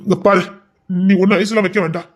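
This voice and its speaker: A man's voice: high-pitched, steady tone, brisk. A man playing a stern, insistent husband who scolds his wife in a colloquial family drama.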